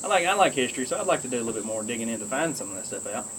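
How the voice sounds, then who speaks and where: A man with a Southern, rural Kentucky accent talks at an average pitch, smoking his pipe as he goes. His delivery is folksy and unscripted, a loose ramble addressed to viewers. Faint noise and chirping insects sit behind his voice. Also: sing-song, racing, a bit bright, rough recording. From Kentucky, United States. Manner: folksy, drawling country speech; talking while smoking a pipe. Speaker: pipe-smoking video blogger. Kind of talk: rambling casual chat to viewers.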